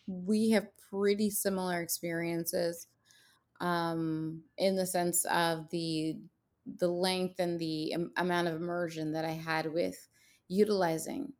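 This podcast co-host, a native Haitian Creole speaker, has a lowish, darkish voice with a level tone and a slow pace. In casual conversation she speaks passionately and emphatically, often posing rhetorical questions.

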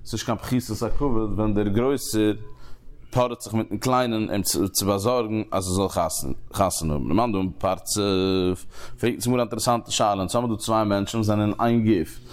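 A man teaching a Talmud lesson, explaining the text in halting phrases that he repeats and restarts. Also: lowish voice.

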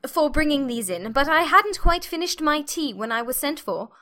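A woman's voice: high-pitched, big pitch swings, normal speed, bright, forceful tone, voice pushed up, heavily acted. A woman voicing a nervous, pitiful hatter with a trembling, strained, apologetic delivery in a storybook reading. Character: nervous, pitiful Hatter pleading before a royal court.

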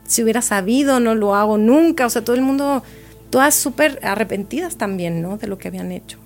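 A woman's voice: on the high side, brisk, darkish tone, faint music behind. A woman guest in a podcast interview, reflectively telling a personal story and repeating words for emphasis.

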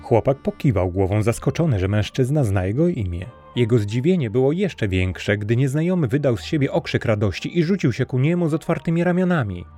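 A man narrating a fairy tale in a calm, measured storybook style. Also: medium pitch, faint music behind.

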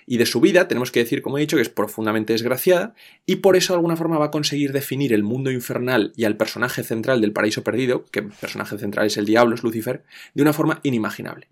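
A man of middling pitch talks through a classic poem for a podcast, animated and lively as he explains. He breaks off and restarts sentences while he thinks. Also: fast talker. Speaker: literature guest explaining a classic.

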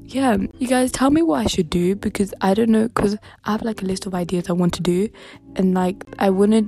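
A woman's voice: medium pitch, brisk, dark tone, faint music behind. A woman in her late teens, chatting casually and rambling, giggly and talking to herself on her home podcast. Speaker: podcast host. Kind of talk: casual solo podcast chat.

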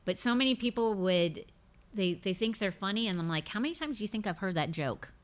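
A brisk, expressive woman with a medium-pitched voice hosts a faith podcast. In her fifties, she responds to listener questions in a casual, emphatic manner, often repeating words to hammer home a point.

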